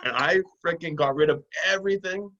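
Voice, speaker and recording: A young man in his twenties, a guest telling animated stories with laughs in a casual video call chat. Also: on the high side, fairly quick, slight background noise. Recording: dull lo-fi video call audio.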